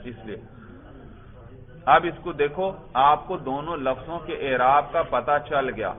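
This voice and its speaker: A male teacher giving a classroom grammar lesson, quizzing students step by step and praising their answers. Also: a little high. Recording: tinny phone-like sound.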